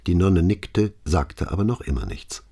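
Male audiobook narrator: very low, dark voice, husky texture, lively reading. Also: moderate pace. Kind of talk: scripted narration.

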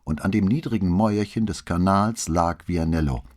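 A man narrating a crime novel audiobook in an even, deliberate storytelling manner. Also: sits low. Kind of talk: scripted narration.

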